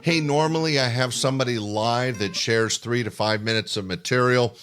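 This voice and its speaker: A man speaks as a podcast host. His pitch is average for a man, and he delivers show introductions and sign-offs as a presenter. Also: normal speed, a bit bright.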